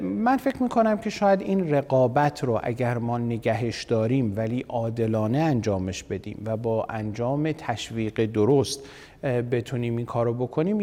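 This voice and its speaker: A man's voice: mid-range voice, dark tone. A man speaking in a reflective discussion, hesitant and full of filler sounds. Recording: long reverb.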